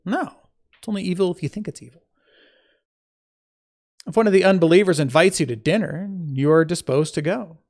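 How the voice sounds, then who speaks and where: A man's voice: high-pitched, a little fast, long pauses, a little mellow. A man reading scripture aloud. He stops to correct his own slips and adds informal asides between the verses. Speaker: Bible reader.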